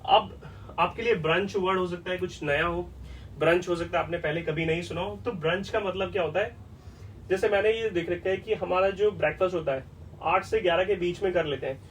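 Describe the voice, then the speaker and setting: A man teaching an English lesson at a whiteboard, explaining step by step and often checking whether it is clear. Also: high-pitched, a little fast, fairly bright tone, recorded from a distance, slight background noise, rough recording.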